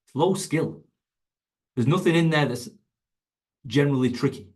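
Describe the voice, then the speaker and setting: A man's voice: a little high, normal speed. A man teaching coaches in an online webinar, emphatic and conversational, repeating his key points. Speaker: fitness coach educator.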